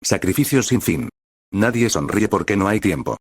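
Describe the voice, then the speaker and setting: A man's voice: lowish voice, expressive, normal speed, husky, dry recording, studio quality. A man reading a serious gangster boss.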